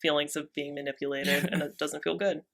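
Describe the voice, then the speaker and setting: A woman's voice: sits low, fairly even intonation, a little fast, vocal fry, fairly bright tone. A young woman in her twenties, co-hosting a podcast in casual chat, wry and sarcastic, a little tipsy. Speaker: podcast co-host.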